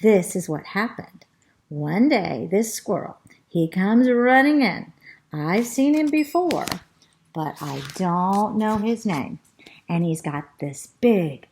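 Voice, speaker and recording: A woman reading a children's storybook aloud as a chatty, fussy pet parrot who narrates the tale, in a slow, sing-song rhyming manner. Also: medium pitch, darkish tone, a little hiss or hum. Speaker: storybook reader.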